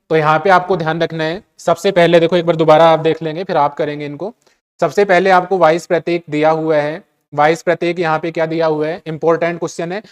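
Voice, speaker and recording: Clear-voiced Hindi-speaking male chemistry teacher. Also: fairly high pitch. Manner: repeats key points, quizzes students with rhetorical questions. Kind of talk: classroom lecture.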